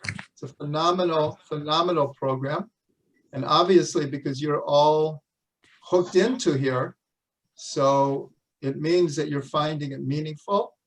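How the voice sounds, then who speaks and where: Welcoming rabbi, slightly distant mic. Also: male voice, fairly high pitch, steady tone, measured pace. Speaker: rabbi teaching online. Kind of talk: online lecture.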